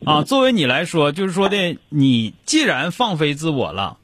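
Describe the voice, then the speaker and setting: A man's voice: on the high side, very animated, moderate pace, very noisy. A man hosting a radio call-in show, giving blunt, joking advice.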